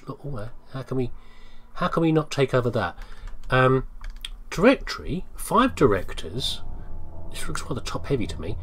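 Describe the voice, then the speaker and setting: A man hosts a gaming video with casual let's play commentary, jokey and chatty and often talking to himself. His voice is mid-range and a bit bright, with a little hiss or hum in the recording.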